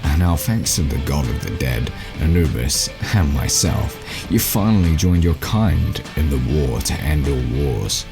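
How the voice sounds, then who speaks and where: A smug occult warlord from a space cartoon. His voice is extremely low and gravelly, his delivery pompous and ceremonious. Music plays behind him. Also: lively intonation, a little slow, hardly any pauses, full character voice. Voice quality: deep, gravelly. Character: Wrathchild, grandiose male alien occult warlord, obsequious and smug.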